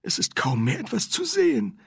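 A man's voice: sits high, huge pitch swings, moderate pace, vocal fry, husky, no room sound, studio quality, pitched above the performer's own voice, full character voice. A man voicing a nervous, curious old male wizard who asks eager questions.

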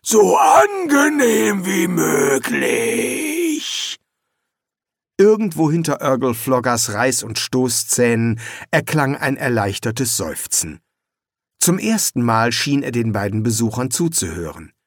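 A man reading an audiobook in a slow, deliberate, dryly ironic manner, recorded close on a studio mic in a dry booth. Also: mid-range voice, sing-song, no echo. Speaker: audiobook narrator. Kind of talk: scripted narration.

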